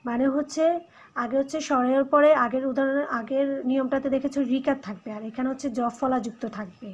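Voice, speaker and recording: A woman's voice: sits high, steady tone, fairly quick, breathy edge. A woman teacher with a Bangladeshi Bengali accent giving a recorded lecture, explaining step by step and repeating example words for emphasis. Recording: dull lo-fi recording.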